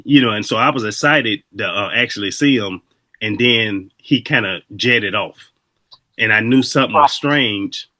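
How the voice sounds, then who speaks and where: A man's voice: fairly low pitch, sharp tone, no room sound. A man hosting a casual interview, telling his own stories in a reflective, conversational way. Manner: reflective, conversational, loose storytelling. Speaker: host.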